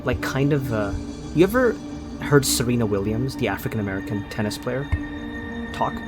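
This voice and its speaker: A man's voice: medium pitch, animated, normal speed, music in the background. A man running a tabletop role-play game as game master; he narrates scenes and explains them with hesitant restarts.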